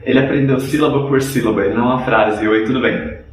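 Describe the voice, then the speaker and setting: A man's voice: mid-range voice, steady tone, fairly quick. A man teaching English in an explanatory video lesson, direct and driving points home by repeating examples. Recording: echoey room, voice from a distance.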